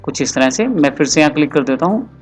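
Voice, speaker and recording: A male computer tutor talks through a software lesson, explaining each step patiently. His voice sits a little high. Faint music plays underneath. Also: animated, fast talker.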